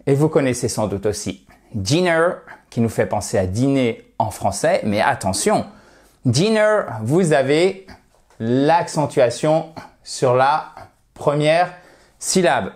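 A man, an English teacher, giving an online language lesson in a playful way. He stretches out words slowly for pronunciation drills and swings his voice high and low for emphasis. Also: expressive, a little mellow. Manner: jumps between high and low tones for emphasis.

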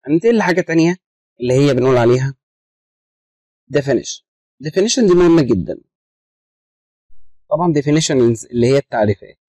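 A man's voice: mid-range voice, mellow, no room sound, poor audio. A man with an Egyptian Arabic accent teaching an English vocabulary lesson to school students, reading word lists aloud and explaining each meaning.

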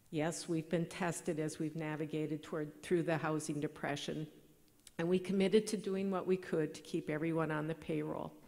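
A middle-aged woman, giving a measured, earnest award acceptance speech at a podium microphone in a large banquet hall. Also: low-pitched, gravelly, darkish tone. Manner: measured, earnest, read from notes. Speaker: award recipient. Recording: long hall reverb.

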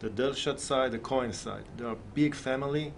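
A man in his thirties from Israel, a film director, is interviewed as a guest in a TV studio, answering in conversational, non-native English with an Israeli accent. His voice is medium-pitched with vocal fry and a quick pace, and there's slight background noise.

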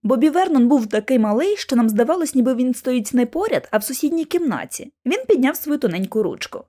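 Woman narrating a bedtime audiobook, super lively up-and-down voice. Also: high-pitched, brisk. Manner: animated, expressive.

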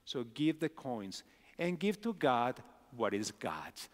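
Pastor with a lively voice in a big church. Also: male voice, mid-range voice, slow. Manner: asks children many simple questions. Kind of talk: children's message. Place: large church sanctuary. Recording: long hall reverb.

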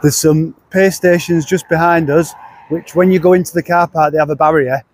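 A man's voice: a little high, steady tone, normal speed, poor audio. A man narrating a casual travel vlog outdoors. He talks chattily into a handheld camera, rambling with restarts. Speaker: travel vlogger. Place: outdoors at a car park and riverside path.

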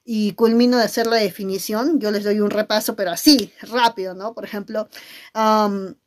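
Middle-aged lady teacher doing a video class, super expressive, keeps checking you're following. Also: mid-range voice, fairly quick, slight background noise. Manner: expressive, often checks in with listeners. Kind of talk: video lesson on nonverbal communication.

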